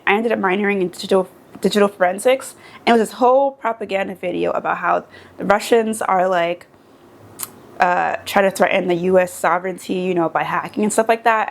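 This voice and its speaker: A young woman from the United States talking casually and animatedly in a vlog, with many fillers. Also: medium pitch. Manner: animated, chatty, lots of fillers. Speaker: vlogger. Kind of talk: casual chat.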